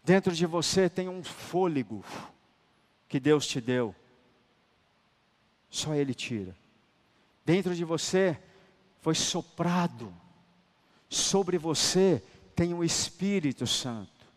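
A man preaching a sermon, his fairly high voice ringing through a church hall with a long echo. He swings from loud, emphatic declarations to quiet, tender lines. He talks to the congregation in a colloquial way and calls them brother. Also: expressive, slow pace, long pauses. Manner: colloquial, addresses listeners as brother. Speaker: apostle preaching.

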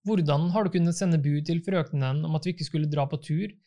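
A frail, sickly painter who is irritable and strains to be heard, read by a man. It is a storybook reading with a slightly high voice. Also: warm tone, natural voice.

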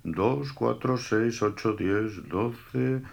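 A man's voice: on the low side, very slow, gravelly, exaggerated voice. A man playing a polite, obliging waiter with a courteous service tone.

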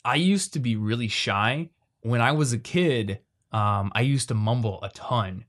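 Male podcast co-host, mid-pitched, quick conversational delivery, reads listener questions aloud. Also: fairly bright tone. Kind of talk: casual podcast chat.

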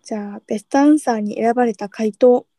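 A woman with a fairly high yet mellow voice co-hosts a casual podcast. She reads out questions and explains words at an easy pace. The recording is dry and close. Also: quick pace, dry recording. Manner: relaxed, reads out questions and prompts her partner. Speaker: podcast co-host.

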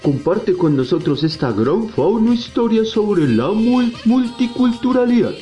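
A man's voice: sits high, big pitch swings, a little slow, dark tone, soft background music. A man playing a kindly, wise talking tree who teaches children in a folksy, jolly Colombian storytelling style. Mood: delighted.

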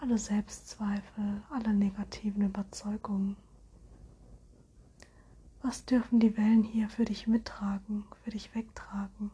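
A woman guiding a relaxation hypnosis in a soft, soothing, airy spa whisper with gentle suggestions. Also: mid-range voice, little pitch movement, unhurried, husky. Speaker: hypnosis guide.

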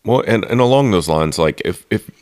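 A man's voice: fairly low pitch, lively intonation, normal speed, dry recording. A man co-hosting a podcast, asking questions and making dry, sarcastic remarks in casual chat. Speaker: podcast co-host.

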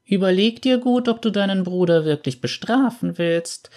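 A man voicing a gentle, wise older aunt in a storybook reading, soft and high. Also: moderate pace.

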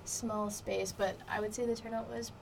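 A woman's voice: a little high, level tone, normal speed, gravelly. Young woman guest, chatty and giggly, slight noise behind. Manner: giggly, rambling, many fillers. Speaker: musician guest. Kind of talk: casual interview chat. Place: college radio studio. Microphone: studio microphone.

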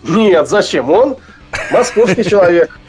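A man from the Urals talking casually as an interview guest on an internet call, halting and correcting himself. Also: high-pitched, lively intonation, darkish tone, soft background music. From Urals region of Russia. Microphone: internet messenger call.

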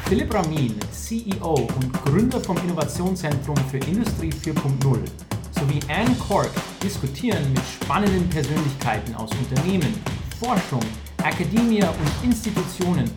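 A woman reading a scripted podcast intro in a slow, even announcing manner. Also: sits low. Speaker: show announcer. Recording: echoey, over loud intro music.

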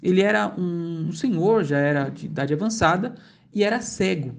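A woman's voice: lowish voice, animated, moderate pace, vocal fry. A woman, casually telling a religious story and linking each part with the same repeated phrase.

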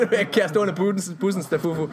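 A young man hosting a casual podcast chat, excitable and crude, laughing often and repeating a filler phrase. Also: high-pitched, a crowd in the background. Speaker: podcast host. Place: school building at a gaming party.

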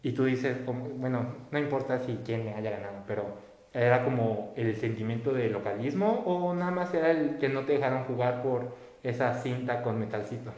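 A man's voice: mid-range voice, normal speed, a little mellow. A young man hosting a casual interview, asking chatty, rambling questions. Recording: roomy echo.

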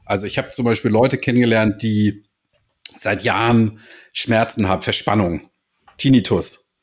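A man in casual conversation, telling stories in an animated way and acting out the people he quotes. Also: fairly low pitch, moderate pace. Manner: animated storyteller, acts out quoted voices. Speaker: hypnotist and podcast host guest.

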